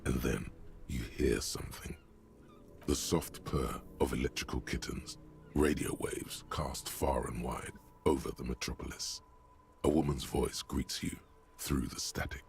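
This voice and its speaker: A man's voice: rumbling low, unhurried, gravelly, a little hiss or hum, heavily acted. A man narrating a game in a dramatic, descriptive manner. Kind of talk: scripted narration. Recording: game audio with music behind.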